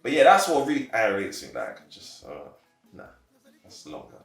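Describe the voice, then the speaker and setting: A young man in his twenties answering interview questions casually, animated and quick to laugh. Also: fairly low pitch, gravelly. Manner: animated, laughs easily, acts out quotes. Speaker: interview guest. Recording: roomy echo, faint background music.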